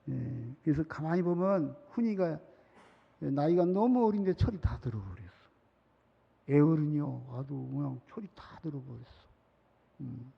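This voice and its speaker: This middle-aged man's voice is a little high and creaky as he preaches as pastor, chatting, laughing frequently, and imitating children begging. He's in a large church sanctuary, and the recording is muffled by the hall's reverberation.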